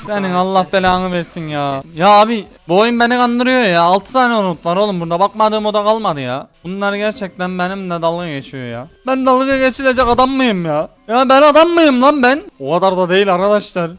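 A man's voice: high-pitched, animated, a little fast, few pauses, fairly bright tone, clear, resonant tone. A man giving gameplay commentary to his viewers, frustrated, talking to himself and swearing often as he plays. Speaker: mobile game YouTuber.

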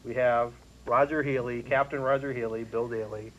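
A man's voice: mid-range voice, steady tone, fairly bright tone. Rambling man on lo-fi cable tape. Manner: rambling, halting with fillers and restarts. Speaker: co-host. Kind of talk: casual chat. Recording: dull lo-fi 1990s cable recording with faint hiss.

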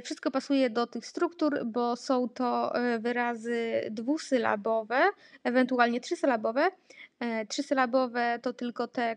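A woman giving a casual voice-over for a craft tutorial, explaining how she makes reading materials for a child she teaches, with many fillers and pauses. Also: fairly high pitch, no room sound. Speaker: therapist making reading materials.

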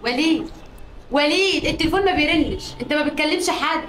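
A woman's voice: sits high, quick pace, background noise, natural voice. A woman playing a demanding Egyptian sister. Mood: insistent. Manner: insistent, demanding. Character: young adult sister demanding her bet winnings. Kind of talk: comedy sketch acting.

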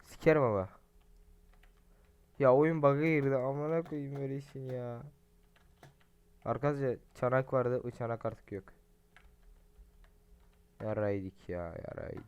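A young man narrates his playthrough for viewers in a loose, excitable way, swearing freely when things go wrong. His voice is clear and smooth, sitting at an everyday middle pitch. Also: moderate pace, pauses often. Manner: profane, excitable, talks to viewers. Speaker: gaming streamer. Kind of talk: casual let's-play commentary.

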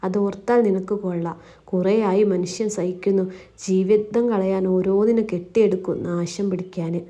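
A woman's voice: medium pitch, fairly even intonation, moderate pace, mellow, dull audio, natural voice. A woman voicing a harsh, contemptuous young husband who scolds in a raised voice. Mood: scolding.

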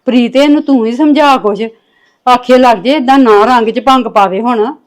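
A woman's voice: fairly high pitch, normal speed, close to an everyday voice. A middle-aged woman playing a worried mother who pleads with her family to keep the peace. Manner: pleading, anxious. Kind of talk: Punjabi family drama acting.

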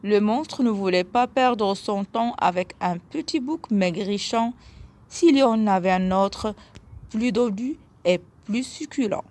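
A woman narrating a children's tale as a storyteller, slow and expressive. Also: mid-range voice.

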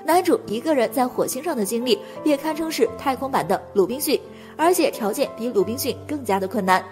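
A woman reading a scripted movie recap as narrator, talking fast in a continuous delivery. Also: high voice, lively intonation, darkish tone, faint music behind.

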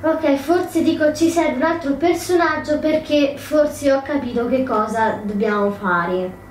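High-voiced woman narrating her gameplay. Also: unhurried, a little mellow. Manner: thinking aloud, hesitant, self-correcting. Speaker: gameplay commentator. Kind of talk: casual let's play commentary. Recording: roomy, distant mic, faint noise.

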